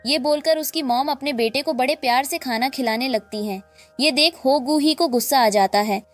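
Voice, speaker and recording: A woman narrating a drama recap in a lively storytelling way, acting out the quoted lines. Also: high voice, moderate pace, faint music behind.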